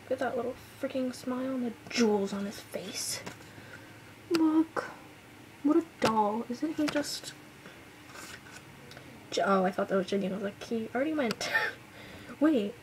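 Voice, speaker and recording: A woman's voice: a little high, normal speed, long pauses, background noise. A young woman vlogging an album unboxing at home, gushing and exclaiming, sometimes dropping to a whisper. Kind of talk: excited unboxing chatter.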